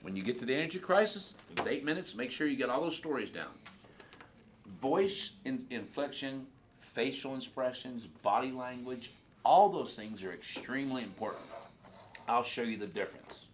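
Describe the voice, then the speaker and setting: A man's voice: medium pitch, expressive, moderate pace, a little hiss or hum. A man giving a blunt, profane sales training talk to a group in a training room.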